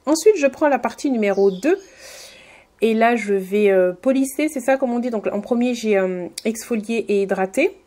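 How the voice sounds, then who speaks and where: In a fairly high but dark-toned voice at an ordinary pace, a beauty vlogger narrates a relaxed tutorial. She chats to her audience in a friendly manner, hesitating often and restarting her sentences with many fillers.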